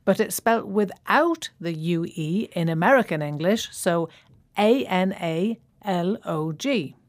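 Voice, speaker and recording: A woman presenting a scripted language lesson, speaking clearly and spelling words out letter by letter. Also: on the low side, lively intonation, slow pace, no echo.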